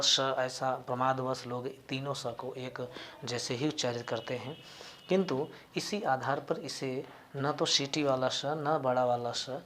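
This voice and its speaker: A man teaching a grammar lesson, explaining slowly and deliberately and spelling out individual sounds one by one. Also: mid-range voice, fairly bright tone, slight background noise. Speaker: Sanskrit teacher.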